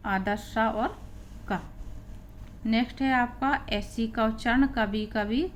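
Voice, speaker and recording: Lady teacher going slow thru pronunciation rules, kinda high voice, faint hiss behind. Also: fairly even intonation. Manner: slow, deliberate, spelling out letters. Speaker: English teacher. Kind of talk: explanatory spoken-English lesson.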